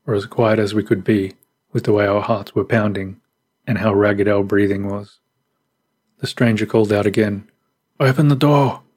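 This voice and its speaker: A man narrating a scary true story in a measured, suspenseful way. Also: on the low side, a little mellow, husky. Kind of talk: scripted horror story narration.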